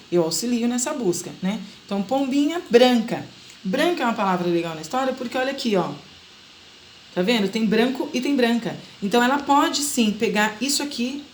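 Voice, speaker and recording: A woman teacher with a Brazilian Portuguese accent, patiently explaining literacy activities and slowly singing lines of a children's song as examples. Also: medium pitch, slight background noise.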